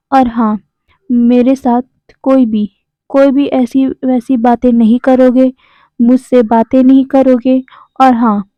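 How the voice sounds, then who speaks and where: A woman's voice: a little high, no room sound. A woman voicing a stern young man who scolds his partners and children, in a plain reading voice. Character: stern young male mother-figure, bossy with partners. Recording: slightly dull, dry close recording.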